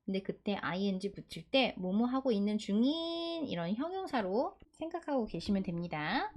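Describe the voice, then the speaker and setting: Lively, patient woman teaching English pronunciation. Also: fairly high pitch. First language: Korean. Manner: patient, drills pronunciation slowly and has listeners repeat. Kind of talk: online language lesson.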